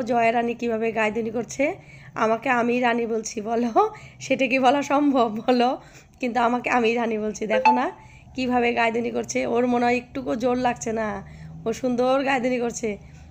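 A hoarse woman vlogging by a cowshed, chatting affectionately with her viewers and often asking if they follow. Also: on the high side, a little hiss or hum. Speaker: village life vlogger. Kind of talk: casual vlog chat to viewers.

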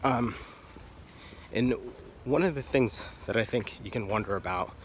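A man's voice: medium pitch, a little slow, a little hiss or hum. A man giving casual, frank explanatory talk about art in an offhand, irreverent manner. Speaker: artist and video creator.

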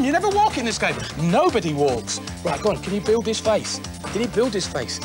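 High-pitched British game show host, a man. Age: young adult. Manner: excitable game show host, urging and chivvying contestants. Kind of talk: game show hosting and commentary. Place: large TV studio with game set and audience. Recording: music and audience noise behind voice. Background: music and studio crowd.

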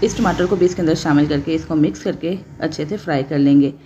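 Over hands-only cooking footage, a woman with a Pakistani Urdu accent narrates a voice-over for her cooking channel, patiently walking through each recipe step and its benefits. Her low, mellow voice moves fast, and the lo-fi sound carries a little hiss or hum.

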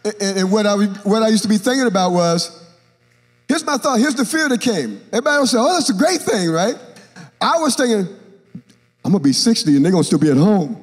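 An older man, a bishop, preaches a sermon from a church stage into a handheld mic, with a voice that sits high and a fast delivery. He's animated, acting out Bible characters and joking with the congregation, and the large church hall gives a long reverb.

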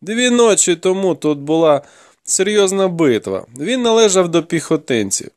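A man's voice: sits high, sing-song, moderate pace, no room sound, studio quality, pitched above the performer's own voice. A man voicing a grim male warrior who taunts and interrogates a captive in an audiobook. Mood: taunting, grim. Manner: taunting, commanding, gruff.

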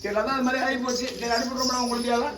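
A man from Tamil Nadu, a temple priest performing an exorcism, scolding and commanding the spirit, often shouting. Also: very high-pitched, little pitch movement, rapid-fire. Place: temple, outdoors or open hall. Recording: echoey, distant mic, noisy.

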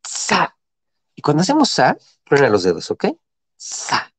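A middle-aged man guiding a body-movement and mantra session, giving calm repeated cues and chanting vowels for listeners to follow. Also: fairly high pitch, normal speed, no room sound. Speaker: meditation and breathwork guide.

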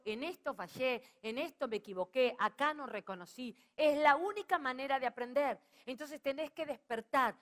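A woman's voice: high voice, fairly bright tone. A middle-aged woman with an Argentine accent preaching a sermon and rousing the congregation to call back. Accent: Rioplatense Spanish. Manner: rousing, calls out to the audience.

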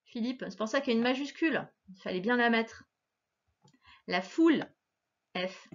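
A woman's voice: on the high side, lively intonation, moderate pace, highs cut off. A woman teacher giving a recorded phonics lesson to a child, patient and encouraging, stressing each sound.

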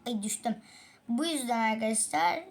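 Woman, gaming host, casual let's-play chatter on a tablet, slightly high-pitched, sighing at her fails. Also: moderate pace.

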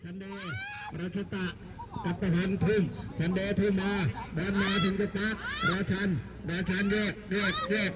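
A man's voice: little pitch movement, normal speed, very noisy. A man giving chatty local football commentary at an outdoor field, joking with people nearby. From Thailand. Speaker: match commentator. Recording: loud crowd at a pitch.

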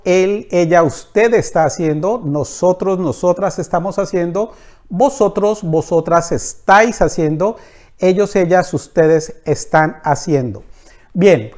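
Man teaching verb conjugations slowly. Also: high-pitched, a little mellow. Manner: slow, deliberate listing of verb forms. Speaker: Spanish teacher.

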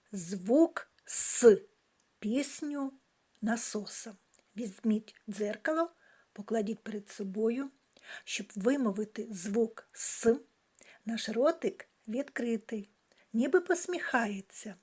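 A woman kindergarten teacher leads young children through a speech lesson. She talks very slowly and carefully, in a sing-song manner. Her voice sits fairly high and sounds soft and breathy.

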